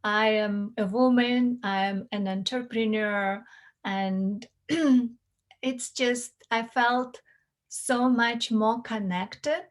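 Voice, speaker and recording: Slow-speaking woman with a Russian accent. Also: fairly high pitch, fairly even intonation. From former USSR. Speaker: interview guest, finance mentor. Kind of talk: conversational interview.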